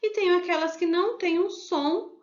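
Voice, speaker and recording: A woman's voice: very high voice, normal speed. A woman teaching a primary school lesson over slides, explaining patiently and often checking in with her pupils. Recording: dull lo-fi home recording.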